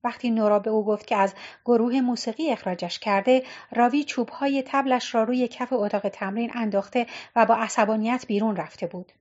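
A woman narrates an audiobook in a measured, even way. Her voice sits fairly high. The recording sounds dull and lo-fi. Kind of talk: scripted narration.

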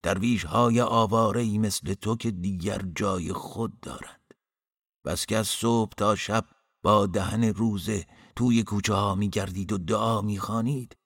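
A man voicing a loud, bullying, heavyset male innkeeper who scolds in a raised voice. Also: low-pitched, steady tone, gravelly, husky, long reverb tail, exaggerated voice. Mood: scornful.

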